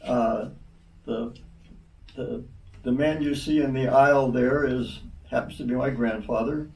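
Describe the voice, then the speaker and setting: Older man reminiscing, gravelly and distant. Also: mid-range voice, steady tone, darkish tone, echoey room. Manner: halting, many restarts. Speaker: interview guest. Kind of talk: reminiscing conversation.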